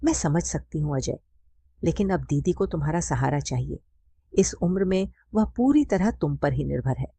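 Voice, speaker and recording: A woman voicing a caring middle-aged aunt who gently urges a grieving sister to eat and rest. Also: sits low, lively intonation, moderate pace, vocal fry, a little hiss or hum. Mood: soothing.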